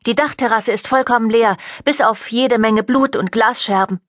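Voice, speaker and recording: A woman's voice: fairly high pitch, normal speed, a bit bright, no echo, studio quality, voice pushed up. A woman voicing a breathless, anxious teenage girl who speaks urgently.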